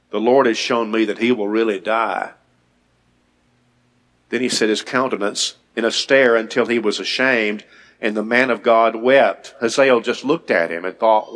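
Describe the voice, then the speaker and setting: A man preaching a Bible lesson, reading scripture aloud and getting louder and higher when he stresses a point. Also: normal speed. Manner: reads scripture aloud, rises in pitch and volume for emphasis.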